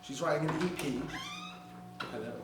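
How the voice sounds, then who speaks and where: A man's voice: on the high side, normal speed. A man interviewing a guest, reading questions and encouraging her with short agreements. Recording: very echoey, far from mic, faint noise.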